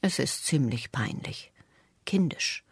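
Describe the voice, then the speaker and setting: Husky measured storybook narrator. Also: medium pitch, animated, no echo, clean studio sound. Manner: measured first-person telling. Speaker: audiobook reader.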